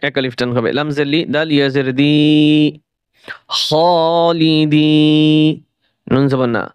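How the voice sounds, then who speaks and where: A man teaching Quran reading, spelling out each syllable and then drawing the whole word out slowly. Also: medium pitch, fairly even intonation, smooth, dry recording. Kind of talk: recorded recitation lesson.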